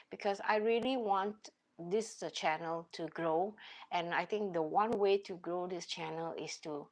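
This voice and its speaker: A woman's voice: fairly low pitch, creaky. A woman with a Singaporean accent, chatting casually to viewers as a channel host in a hesitant, meandering way full of verbal asides. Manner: hesitant, meandering, with "you know" and "like" as constant asides.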